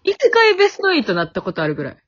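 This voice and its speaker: A young woman with a Kansai accent talks in an easygoing, self-deprecating way. Her voice sits a bit high and moves a lot in pitch. She calls in from home, and the audio sounds dull and lo-fi. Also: huge pitch swings, very fast. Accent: Kansai Japanese. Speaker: podcast co-host. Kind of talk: casual chat. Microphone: remote call.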